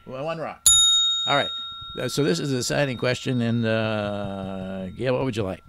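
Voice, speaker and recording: A man's voice: mid-range voice, moderate pace, slight background noise. A man hosting a radio quiz show, teasing the caller with dry wisecracks. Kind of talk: joking quiz banter.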